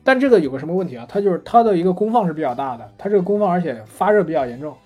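Guy rambling through a funny story on a podcast, quick and a bit husky, kinda high voice. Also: soft background music. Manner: chatty storyteller, animated retelling of anecdotes. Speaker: podcast co-host. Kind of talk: casual chat about gadgets.

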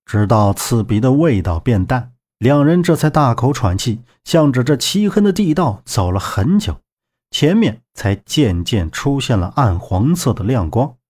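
A male narrator reads an adventure audiobook in a dramatic, expressive style. His pitch rises and falls vividly as he tells the story. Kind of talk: scripted narration.

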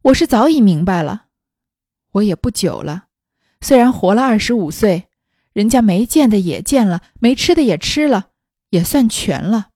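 A woman's voice: mid-range voice, sing-song, moderate pace, a little mellow, no echo, studio quality. A woman voicing a proud, ailing young noblewoman in her twenties who speaks in a scornful, cutting, weary way. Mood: bitter. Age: 20s.

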